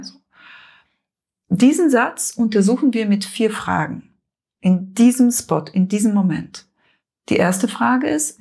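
A woman coach and mediator calmly explaining a method step by step in conversation, with measured pauses. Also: medium pitch, gravelly, breathy edge.

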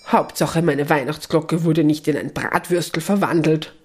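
A woman's voice: low voice, fairly even intonation, moderate pace, natural voice. Woman reading a girl heroine, wry and light, storybook. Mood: amused. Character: cheerful young girl heroine.

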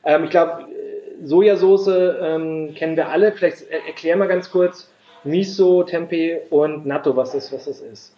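A man hosts a casual interview podcast from a workshop. His voice sits a little high, and he keeps stopping to reach for words with fillers and restarts. The room is echoey and the recording sounds dull and lo-fi. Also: normal speed. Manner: hesitant, many fillers and restarts. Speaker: podcast host. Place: workshop in a city. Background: production noise.

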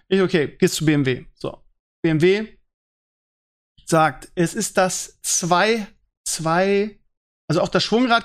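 A young man co-hosting a casual podcast, telling a rambling everyday anecdote in slangy, animated speech. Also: sits high. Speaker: podcast co-host. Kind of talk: casual chat, storytelling.

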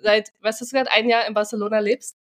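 A woman's voice: a little high, little pitch movement, fast talker. A woman hosts a podcast and chats casually with her guest. She keeps asking curious follow-up questions. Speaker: podcast host.

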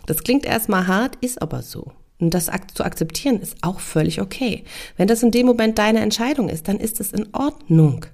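A woman's voice: medium pitch, lively intonation, moderate pace, darkish tone. A woman hosting a parenting podcast in a conversational monologue, often checking in with the listener.

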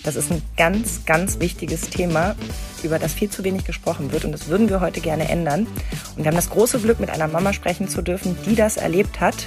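A woman co-hosting a podcast, telling stories in a lively way and acting out what people said. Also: fairly low pitch, brisk, over music. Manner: animated storyteller, acts out quotes. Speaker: podcast co-host. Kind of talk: casual podcast chat.

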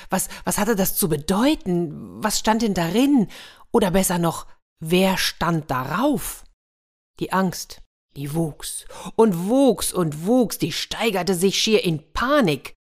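A woman tells a children's story with dramatic, expressive narration. Her voice sits low for a woman. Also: slow. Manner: dramatic, sound-painting delivery.

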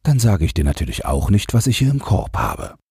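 A man voicing a kindly older man carrying a basket of rabbit feed, gentle and coaxing. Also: sits low, huge pitch swings, brisk, gravelly, breathy edge, no room sound, clean studio sound, exaggerated voice. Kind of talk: audiobook character voice.

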